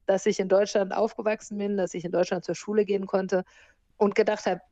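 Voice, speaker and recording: A woman in her forties, born in the US and raised in Germany, is a guest on a relaxed conversational interview, where she works as a surf instructor and hostel owner. Her mellow, mid-range voice moves briskly on a dry, dull-sounding recording with no room sound. She chats in a lively way and laughs often as she tells stories.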